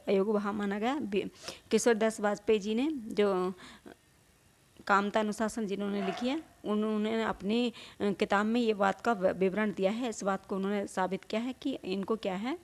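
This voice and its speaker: A woman's voice: mid-range voice, darkish tone. A woman teaching a Hindi grammar lesson, explaining patiently, repeating points, asking rhetorical questions and sounding out vowels herself. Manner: demonstrates vowel sounds aloud.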